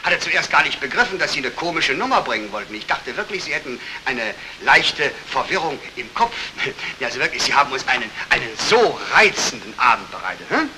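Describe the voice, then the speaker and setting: An actor playing a jovial, condescending older army colonel, breezy and patronizing, in 1940s film acting. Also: male voice, medium pitch, big pitch swings, a little fast, hardly any pauses, close to an everyday voice. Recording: hissy old 1949 film soundtrack.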